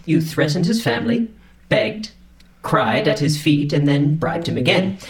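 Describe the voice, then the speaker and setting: A man voicing a prim, dutiful male android butler with a too smooth, polished, formal and precise manner. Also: a little high, measured pace. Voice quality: formal, precise, unflappable delivery. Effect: none; too smooth, polished android manner. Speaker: robot valet. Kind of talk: comedic audio drama. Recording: roomy echo, loud crowd noise behind.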